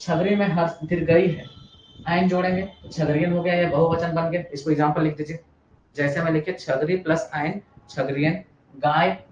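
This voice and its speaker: A man's voice: fairly high pitch, fairly even intonation, normal speed, a little mellow. Dictating male teacher, echoey room. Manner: repeats and dictates notes, asks students if they follow. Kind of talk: classroom lesson. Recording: echoey room, far from the mic, dull sound with faint hiss.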